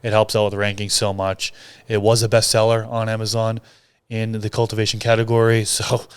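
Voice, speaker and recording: A man co-hosting a podcast, speaking in an even, plain-spoken casual chat. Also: on the low side, brisk, clean tone, dry recording, studio quality. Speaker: podcast co-host and book author.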